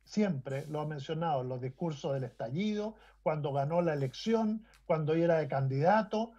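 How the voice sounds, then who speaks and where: A man's voice: on the high side, lively intonation, normal speed, warm tone, highs cut off. A man hosting a panel discussion, arguing his point and cutting in on others. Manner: argumentative, interjecting. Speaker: host.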